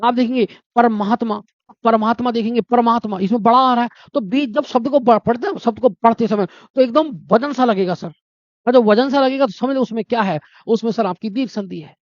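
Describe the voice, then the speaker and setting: A man's voice: extremely high pitch, brisk, no room sound, highs cut off. A male teacher giving an exam-prep grammar lesson, repeating answers and quizzing the viewer with rhetorical questions.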